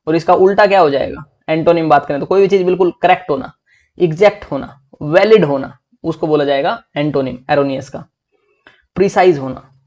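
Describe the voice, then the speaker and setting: A young man teaching English vocabulary for exams in a lively, chatty way, often calling his listeners "bhai". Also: on the high side, a little fast, muffled recording. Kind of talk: exam-prep vocabulary lesson.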